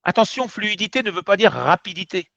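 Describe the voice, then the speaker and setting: A male French teacher giving an explanatory lesson, direct and emphatic as he talks straight to his viewers. His voice sits high and swings widely in pitch. The recording is dry and a bit dull. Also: animated, fairly quick, gravelly, sharp tone, no echo. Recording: dull, slightly muffled sound.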